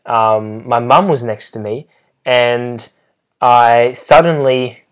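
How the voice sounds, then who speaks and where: A young Australian man co-hosting a laid-back podcast, his voice at an ordinary middle pitch. He tells stories with lively energy and acts out what people said. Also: slow pace, clean tone. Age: young adult. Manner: animated storytelling, acts out quotes. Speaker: podcast co-host. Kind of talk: casual chat.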